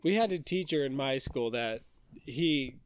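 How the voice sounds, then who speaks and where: A man's voice: mid-range voice, animated, measured pace, no echo. A man from Western New York in casual podcast chat, joking and laughing often.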